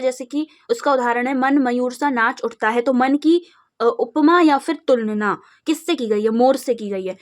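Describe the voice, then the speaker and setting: A young woman from India with a Madhya Pradesh Hindi accent, teaching an exam revision lesson and explaining terms step by step. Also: high voice. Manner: steady explaining, slows to recite verse examples.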